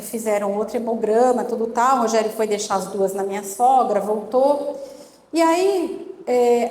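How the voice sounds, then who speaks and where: In an echoey church conference hall with faint noise, a middle-aged woman gives an emotional testimony as a sermon. Her voice is a little high and darkish, and she tells her story earnestly while acting out the dialogue.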